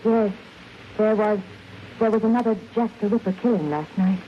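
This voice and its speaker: An actress playing a spirited young stage performer in an old radio thriller, pert, curious and polite. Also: female voice, medium pitch, normal speed, a little hiss or hum, lightly acted. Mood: chatty. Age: young adult. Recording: muffled vintage radio recording with music.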